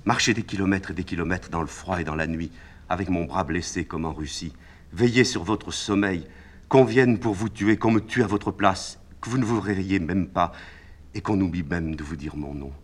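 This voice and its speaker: A man's voice: sits low, normal speed, husky, pitched above the performer's own voice. A man voicing a very young lieutenant who speaks fervently and with devotion, read from a stage play. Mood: devoted. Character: earnest, adoring very young male lieutenant.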